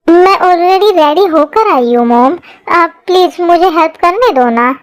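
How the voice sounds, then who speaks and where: A woman's voice: very high voice, animated, unhurried, no echo. A woman voicing a timid teenage schoolgirl in a Hindi fan-dub drama, pleading and easily brought to tears. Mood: earnest.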